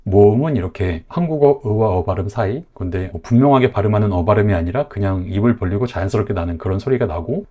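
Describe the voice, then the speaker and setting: A man's voice: on the low side, dark tone. A man teaching English pronunciation, explaining patiently and step by step to viewers. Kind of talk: explanatory lesson.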